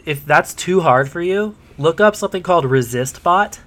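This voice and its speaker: A man's voice: fairly high pitch, animated, normal speed, a bit bright. Give me a nasal American guy podcasting. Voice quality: nasal, sniffly. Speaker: podcast co-host. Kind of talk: casual chat.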